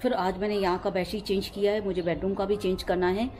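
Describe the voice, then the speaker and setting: Soft-spoken weak Sindhi-speaking woman vlogger. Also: medium pitch, little pitch movement, fast, a little hiss or hum. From India. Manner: rambling, repeats herself. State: weak and low-voiced after illness. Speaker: home vlogger. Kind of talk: casual chatty daily vlog. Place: home, indoors.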